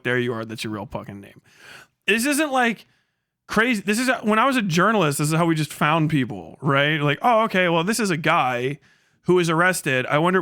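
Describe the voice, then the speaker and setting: A male live streamer with a fairly high, clear, bright and forceful voice rants casually to his chat, blunt, sarcastic and heavily profane. The sound is clean studio quality with no room sound.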